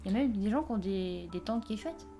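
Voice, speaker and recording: A woman's voice: medium pitch, animated, fast, warm tone, faint music behind. A woman co-hosting a video game stream, bantering playfully with teasing, self-mocking jokes. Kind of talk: casual let's-play banter.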